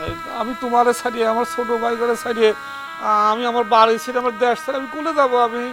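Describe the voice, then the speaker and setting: Earnest young son, played by a man, slightly high voice. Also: brisk, over music, lightly acted. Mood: pleading. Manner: earnest, pleading. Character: newly married elder son, torn.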